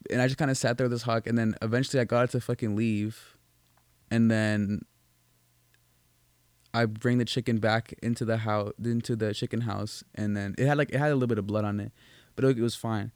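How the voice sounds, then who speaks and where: A man's voice: mid-range voice, steady tone, brisk, dry recording. A young man hosting a casual podcast chat, telling stories in a rambling, profane way with lots of restarts and fillers. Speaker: podcast co-host.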